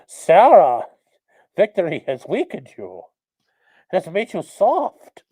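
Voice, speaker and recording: A man doing a Bane impression by talking into a cup, giving a muffled, slow, theatrical and commanding villain voice. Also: sits high, huge pitch swings, warm tone, slightly rough, no room sound, pitched above the performer's own voice, exaggerated voice. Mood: menacing. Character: menacing masked male villain, deep and muffled. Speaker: livestream host. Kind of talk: comedic impression on a livestream.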